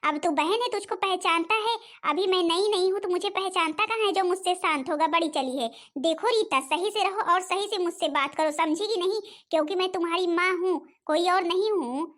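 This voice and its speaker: A woman's voice: extremely high pitch, normal speed, hardly any pauses, a bit bright. A woman voicing a stingy, bossy young stepmother who scolds and complains in a cartoon. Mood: scolding. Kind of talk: cartoon voice acting.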